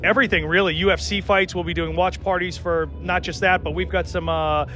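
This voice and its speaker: A man's voice: steady tone, fairly quick, sharp tone, slight background noise. A man promoting his sports venue in an interview, upbeat and full of "you know" fillers, recorded outdoors. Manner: upbeat pitch, many fillers. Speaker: venue operator.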